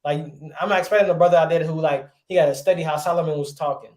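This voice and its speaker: A man teaching a relaxed class, with a voice a little higher than most men's. He talks conversationally and keeps checking in with rhetorical questions. The room gives his voice a noticeable echo. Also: fast. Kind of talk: casual classroom lesson. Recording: roomy echo.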